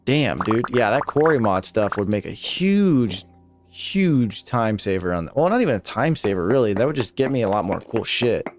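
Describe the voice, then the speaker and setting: A man's voice: lowish voice, sing-song, moderate pace, faint music behind. A young man streaming a video game live, chatting casually, laughing often and swearing freely. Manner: laid-back, swears a lot, laughs often. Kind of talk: casual live gameplay chat.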